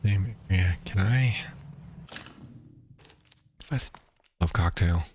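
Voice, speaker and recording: Pria streamer bersuara sangat berat. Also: male voice, takes it slowly, background noise. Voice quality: deep voice. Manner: rambling, explains while playing, many fillers. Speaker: gaming streamer. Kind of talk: casual gameplay chat. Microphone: streaming microphone.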